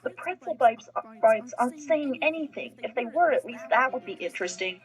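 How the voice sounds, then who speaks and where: A woman's voice: on the high side, animated, brisk, low-quality recording. A woman playing a story game and reacting in a sarcastic, exasperated way. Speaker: player. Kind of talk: casual game play chat.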